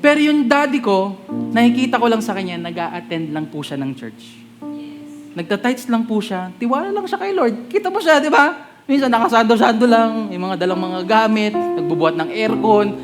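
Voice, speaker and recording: A man's voice: high voice, animated, normal speed, music in the background. A man from the Philippines, preaching a sermon and switching between Tagalog and English mid-sentence while chatting and joking with the congregation.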